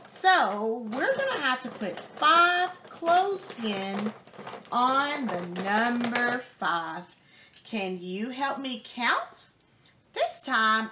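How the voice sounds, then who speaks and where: A woman with a bright, highly animated voice teaches a child to count at a very slow, deliberate pace. She is encouraging, like a preschool teacher, with questions and praise. There is some faint background noise.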